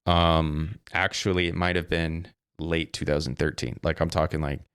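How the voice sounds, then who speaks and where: His very deep voice is flat in delivery, normal in speed, a bit bright and smooth, captured in clean studio sound with no room sound via a desk mic and streaming interface. Hosting a casual solo podcast, he rambles, swears, and corrects himself as he goes.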